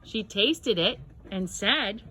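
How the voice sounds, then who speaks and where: A woman's voice: mid-range voice, expressive, slow, bright, forceful tone. A woman narrating a children's storybook tale aloud, with dramatic exclamations and gasps.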